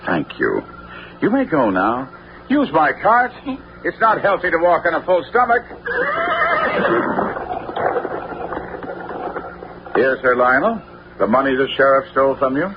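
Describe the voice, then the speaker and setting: An actor playing a bold, cunning outlaw in a radio adventure, with a teasing, mock-courteous manner. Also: male voice, mid-range voice, big pitch swings, normal speed, close to an everyday voice. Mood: brisk, satisfied. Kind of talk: theatrical radio adventure acting. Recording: dull, lo-fi radio recording with faint noise.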